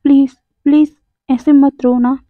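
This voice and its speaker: A woman's voice: high-pitched, little pitch movement, measured pace, no echo. A woman voicing an anxious young man who pleads and apologizes, often stammering, in a storybook reading. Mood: pleading. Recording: tinny phone-like dry sound.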